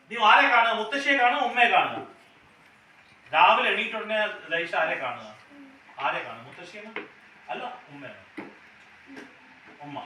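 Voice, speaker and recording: A woman's voice: mid-range voice, pushed and bright, a little hiss or hum. A woman preschool teacher leading a classroom activity with small children, coaxing them with repeated questions and English phrases. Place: classroom, indoors. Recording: echoey room from far off.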